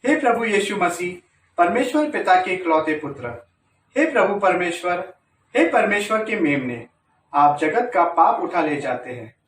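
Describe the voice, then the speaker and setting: A man leading a congregation in a recited hymn of praise, reading it in a lively, expressive way. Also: high voice, a little slow, a little hiss or hum. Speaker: worship leader. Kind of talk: liturgical recitation. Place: church. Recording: roomy, distant mic, faint ambience.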